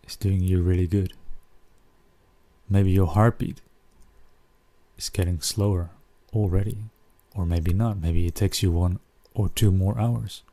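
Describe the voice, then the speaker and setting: Male sleep-story style relaxation guide: low, soft-edged, gentle, unhurried pauses. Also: no echo.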